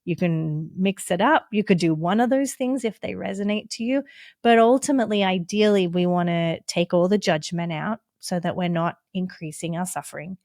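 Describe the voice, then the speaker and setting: A woman therapist and author, a guest on a podcast, explaining self-help steps in a gentle, reassuring and instructive way. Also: fairly low pitch, moderate pace, no echo, studio quality.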